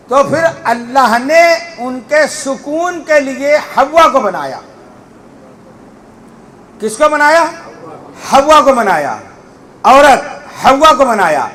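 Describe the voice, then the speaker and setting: A man with a very high-pitched voice preaches a Muharram majlis sermon to a gathering, impassioned and at times shouting and chanting Arabic phrases in a drawn-out way. There is slight background noise.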